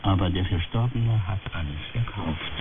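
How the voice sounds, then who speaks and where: A man's voice: low voice, moderate pace, narrow, tinny audio, lightly acted. A man reading a radio story, voicing a young poor widow who pleads tearfully. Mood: sorrowful. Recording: crackly medium-wave radio broadcast.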